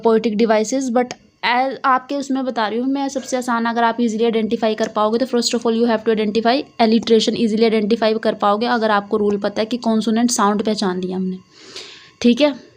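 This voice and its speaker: Woman teacher explaining in coaxing tones. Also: fairly high pitch. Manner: repetitive, coaxing, asks and answers own questions. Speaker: English teacher. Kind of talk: Hindi-English classroom explanation.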